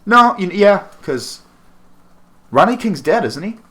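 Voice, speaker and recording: A man's voice: sits high, big pitch swings, slow pace, fairly bright tone. A man co-hosting a podcast, chatting in a rambling, joking, crude way. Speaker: podcast co-host. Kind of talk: casual chat.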